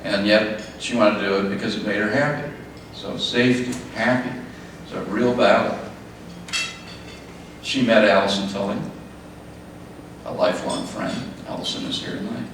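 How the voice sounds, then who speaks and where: A man's voice: on the low side, fairly even intonation, moderate pace. Echoey, distant middle-aged man giving a speech. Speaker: father of the bride giving a speech. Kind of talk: wedding speech. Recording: echoey, noisy room, distant mic.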